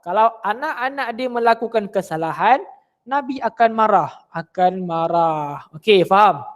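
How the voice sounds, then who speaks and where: A man with a Malaysian Malay accent teaching children religion in an online class, lively and full of questions for his pupils. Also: high voice.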